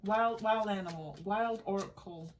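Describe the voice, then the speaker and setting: Addressing the listener directly, a tarot reader gives a loose, off-the-cuff reading in a warm, encouraging, chatty manner. She has a mid-range voice and a measured pace, recorded on a distant mic with faint noise.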